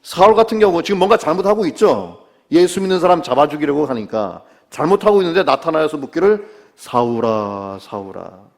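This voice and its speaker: A middle-aged male pastor preaching a sermon, asking the listeners questions and answering them himself, dropping low to quote scripture. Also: animated. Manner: drops low and slow to quote scripture, rises when stressing a point.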